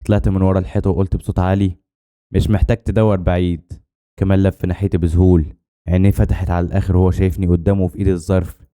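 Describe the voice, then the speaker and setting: A man with an Egyptian Arabic accent narrates a suspenseful first-person tale at a breakneck pace. His voice sits low and dark, mellow rather than bright, and he tells the story in a tense, dramatic way. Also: little pitch movement, very fast.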